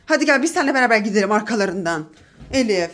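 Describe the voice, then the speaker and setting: A young woman who is a mother, talking in a casual family vlog in a coaxing, excitable way, with frequent gasps and exclamations. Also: mid-range voice, very fast.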